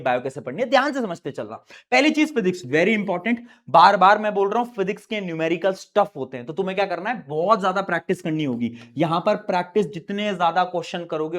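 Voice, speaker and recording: An Indian man, a young teacher, coaches students on how to study. His voice sits high for a man. He moves briskly between his students' imagined questions and his own answers. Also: a bit bright. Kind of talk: energetic study-advice talk to students.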